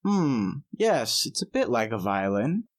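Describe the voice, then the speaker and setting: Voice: mid-range voice, sing-song, a little slow. An actor voicing a polite schoolboy from Nepal in a scripted textbook audio dialogue, explaining things carefully. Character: polite schoolboy from Nepal who plays the sarangi.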